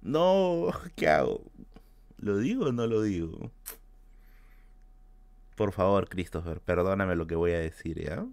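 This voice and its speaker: A man with a Peruvian Spanish accent, hosting a book channel and telling a story in casual talk, switching between loud bursts and hushed asides and swearing freely. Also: low-pitched, animated, slow pace, creaky, long pauses, dry recording. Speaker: book-collecting channel host.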